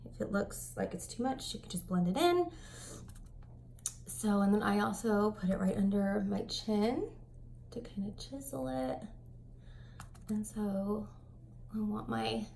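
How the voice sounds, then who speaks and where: A young woman chatting at home through a makeup tutorial, rambling with lots of fillers and dropping into soft whispered asides. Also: mid-range voice, vocal fry, a little hiss or hum. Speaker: beauty vlogger.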